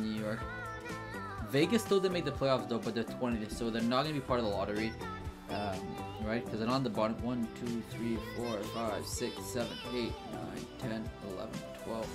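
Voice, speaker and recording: Chatty man commenting on gameplay. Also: mid-range voice. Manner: chatty, thinks aloud, frequent fillers and restarts. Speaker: gaming channel host.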